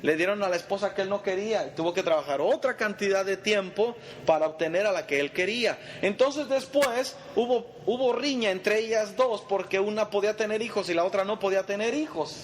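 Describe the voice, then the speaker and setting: A man teaching a Bible study in a conversational way, quizzing his group and calling them brother, in a church meeting hall. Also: high-pitched. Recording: long reverb, faint background noise.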